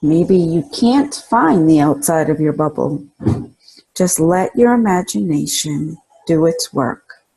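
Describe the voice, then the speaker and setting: Speaking at a deliberately slow pace, a woman guides listeners through a relaxation meditation in a deep, husky, breathy voice that stays soft and mellow. She offers soothing, calm directions and lets silences fall between lines, though the recording is rough.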